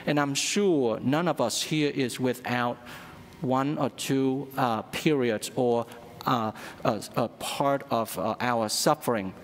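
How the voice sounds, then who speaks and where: A middle-aged man, a priest, giving a sermon at the altar with a slow, halting delivery full of fillers. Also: a little high. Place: large church sanctuary at the altar. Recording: long church reverb.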